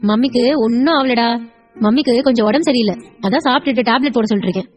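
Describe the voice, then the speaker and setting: A woman voicing a caring older grandmother who gently scolds, in an audio story. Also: fairly high pitch, very fast, soft background music, close to an everyday voice. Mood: fussing.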